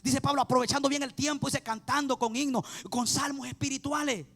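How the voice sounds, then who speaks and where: Fervent high-pitched man preaching fast. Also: steady tone, a bit bright. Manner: fervent, repetitive, addresses listeners as beloved brother. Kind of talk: sermon.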